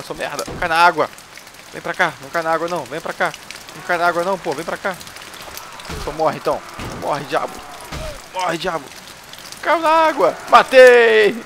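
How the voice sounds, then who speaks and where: Gaming commentator, male, excitable, loud in fights, swears, somewhat high voice, steady rain noise behind. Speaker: gaming YouTuber. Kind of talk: let's play commentary.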